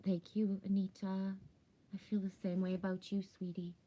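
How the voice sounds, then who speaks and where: In a dark, mid-range voice with little pitch movement, a woman of roughly fifty talks at normal speed on her spiritual livestream. The chat is casual and meandering; she speaks candidly and with emphasis, frequently closing points with a questioning check.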